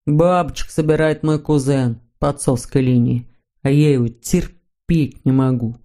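A sullen, grumbling Hemulen from a storybook, put on by a woman narrator. He drags out each word in a dark, low mood. His short, curt replies shut down every suggestion. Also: steady tone, measured pace. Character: gloomy grumpy male Hemulen, stamp collector. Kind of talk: audiobook reading.

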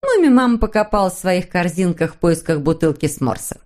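A woman reading a children's storybook aloud as narrator, in an expressive, even manner. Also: lowish voice, fairly quick.

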